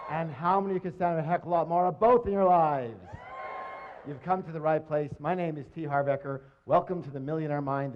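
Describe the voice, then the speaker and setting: A middle-aged man giving a live motivational seminar on stage, energetic and quizzing his audience, on a dull lo-fi recording. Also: on the high side, slight background noise. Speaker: seminar presenter.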